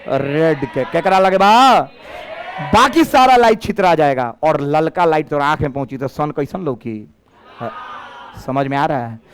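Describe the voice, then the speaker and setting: A male teacher, giving a lively classroom physics lecture and firing questions at his students. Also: sits high. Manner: lively, questioning students, mixing in Bhojpuri phrases.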